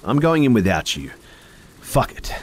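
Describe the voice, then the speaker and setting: A man voicing an angry, drunk young woman who yells and taunts. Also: fairly low pitch, lively intonation, drawn-out words, slight background noise, pitched above the performer's own voice, full character voice. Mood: taunting, yelling. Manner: yelling, taunting.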